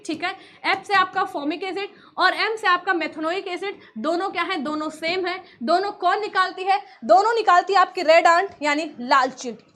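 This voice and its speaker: A woman's voice: extremely high pitch, a bit bright. A woman teaching a live online science class for exam students, chatty and encouraging, often repeating herself.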